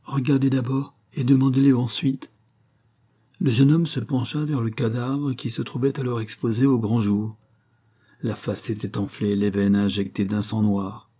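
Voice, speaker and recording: A man narrating an audiobook of a classic tale in a measured, dramatic storytelling manner. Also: on the low side, little pitch movement, mellow.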